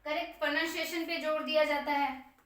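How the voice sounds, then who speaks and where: Woman teacher, high voice, patient step-by-step explainer who slowly dictates key points; heard from a distance. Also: fairly even intonation, fairly bright tone. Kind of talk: exam-prep lecture on teaching methods. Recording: very echoey room, voice from a distance.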